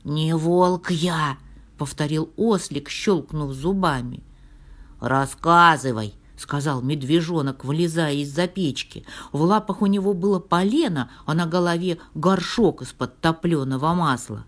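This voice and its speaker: Woman storyteller, low breathy voice, slow, half-whispered, lively intonation. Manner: soft, half-whispered, expressive. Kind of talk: fairy-tale reading.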